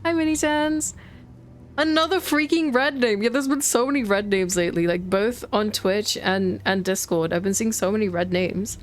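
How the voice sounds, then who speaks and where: While streaming a game, a young woman chats casually and laughs often, her posh British accent carrying a slight American twinge. Her voice is mid-range, at a moderate pace.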